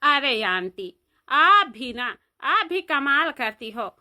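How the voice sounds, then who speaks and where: A woman's voice: sits high, sing-song, slow, sharp tone, exaggerated voice. Woman doing a meddling young village woman. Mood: coaxing. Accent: Awadhi. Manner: questioning, coaxing.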